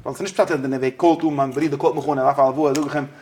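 A man's voice: on the high side, steady tone, rapid-fire, darkish tone. A man teaching an interactive religious study class, questioning his students and slipping into English phrases.

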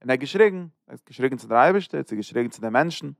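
A man's voice: mid-range voice, lively intonation, fast, vocal fry, no room sound, clean studio sound. A man giving a scripture lesson, going through the text verse by verse and restating each term in several ways. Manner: explains each verse, repeats and rephrases terms. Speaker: Bible teacher.

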